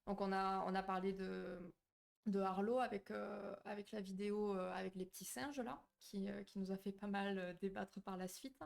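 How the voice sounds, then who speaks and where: A woman's voice: mid-range voice, flat delivery, moderate pace, vocal fry. Chatty woman streamer reading her chat. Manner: chatty, warm toward viewers, many fillers and restarts. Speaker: psychology streamer hosting a live. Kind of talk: casual live-stream talk, reading chat. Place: home streaming setup.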